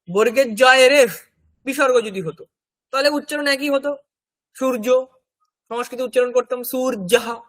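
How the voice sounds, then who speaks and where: A man with a Bengali accent teaching a Sanskrit lesson, patiently spelling each word letter by letter and repeating it slowly. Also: very high-pitched, a bit bright, no echo. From India. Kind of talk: classroom language lesson.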